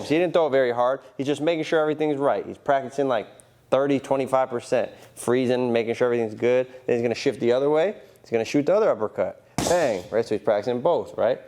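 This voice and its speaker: A boxing coach works through drills hands-on in a gym, clear background noise around him. He talks informally and repetitively, often adding "right?", and drops vocal punch sounds such as whoop, bang and boom between instructions.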